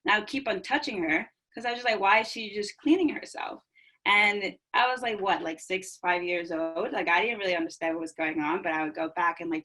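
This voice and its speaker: A woman's voice: sits low, fairly bright tone, low-quality recording. A woman in her twenties from Honduras, speaking casually on a video call from her dorm room and filling her talk with likes and ums. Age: 20s. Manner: chatty, many fillers of like and um. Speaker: panel speaker.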